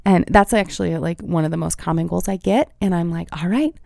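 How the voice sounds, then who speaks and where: A woman's voice: on the low side, steady tone, fairly quick, creaky, dark tone, no echo, studio quality. A woman in her thirties, a pediatric feeding therapist, talking in an earnest, heartfelt way with frequent fillers in a conversational interview.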